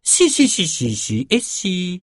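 A man reading an audiobook, voicing an excitable, half-mad albino male shaman who chants his lines. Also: a little high, slow pace, dry recording, studio quality, pitched above the performer's own voice. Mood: singsong taunting. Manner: singsong, chanting. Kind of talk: audiobook character voice.

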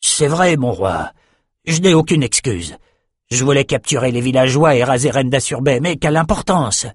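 A man's voice: medium pitch, breathy edge, dry recording, clean studio sound, pitched above the performer's own voice. A man reading an audiobook, voicing a proud male raider captain who speaks frankly to his king. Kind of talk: audiobook character voice.

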